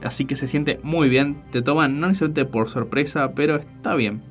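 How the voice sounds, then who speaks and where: Hombre rioplatense comentando películas. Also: male voice, fairly high pitch, normal speed, faint music behind. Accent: Rioplatense Spanish. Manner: enthusiastic, with frequent fillers. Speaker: show host. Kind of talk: casual film commentary.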